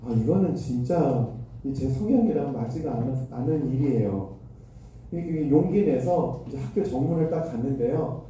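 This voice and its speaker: Pastor guy telling a sermon story, dark mellow voice, big echoey church, mic far off. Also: medium pitch, expressive, moderate pace, a little hiss or hum. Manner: self-deprecating anecdotal storytelling with acted quotes.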